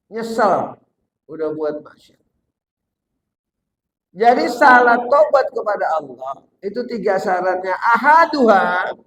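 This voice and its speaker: High-voiced preacher in a roomy hall. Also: male voice, a bit bright, a little hiss or hum. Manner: jokey everyday examples, Betawi slang, quoting Arabic. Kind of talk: sermon. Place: gathering hall. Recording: roomy hall with faint ambience.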